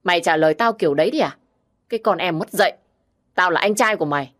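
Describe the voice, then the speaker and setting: A woman's voice: on the low side, animated, fast, fairly bright tone. Woman doing a slurring drunk bully brother. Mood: bossy. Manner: slurred drunken drawl, abusive.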